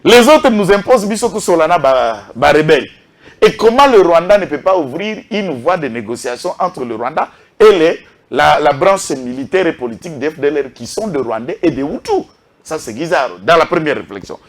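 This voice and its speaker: A Congolese man with a Congolese French accent delivers impassioned political commentary. His voice sits a little high for a man. He talks emphatically and keeps firing rhetorical questions at his listener. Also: sing-song, moderate pace. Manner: emphatic, rhetorical questions, lists names with a repeated "est qui?".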